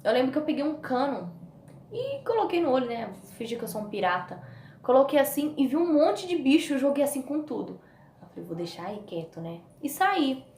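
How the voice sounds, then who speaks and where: A woman with a Brazilian Portuguese accent telling a personal story as a vlogger, animated and acting out the voices of the people in it. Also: sits high, fairly quick. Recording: echoey room with faint noise.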